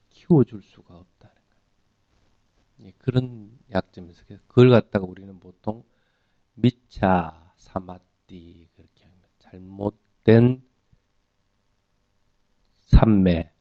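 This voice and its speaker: Here a man with a lowish voice delivers an explanatory dharma sermon drawn from everyday examples, questioning his listeners and answering in a teacherly way. There's no room sound, and the high frequencies are cut off.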